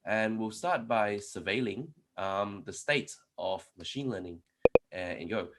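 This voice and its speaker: Heavy background noise surrounds a man speaking a little slowly in a fairly low voice as he gives a live-coding conference talk on programming. He types code while explaining step by step, restarting often and asking rhetorical questions; Polish is not his first language.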